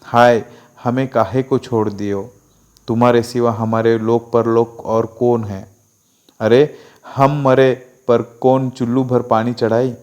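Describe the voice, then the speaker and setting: A man's voice: mid-range voice, level tone, slow, a little mellow, lightly acted. A man reading as a wailing hunchbacked woman. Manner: wailing and pleading.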